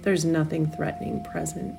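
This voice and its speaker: Woman, meditation guide, very gravelly vocal fry, slow soothing delivery, long pauses, music behind. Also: sits low, steady tone, poor audio.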